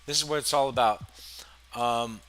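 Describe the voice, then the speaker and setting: A man's voice: medium pitch, fairly even intonation, normal speed, fairly bright tone. A man casually commenting on a basketball video game, laughing often and rattling off player stats. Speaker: gaming channel host.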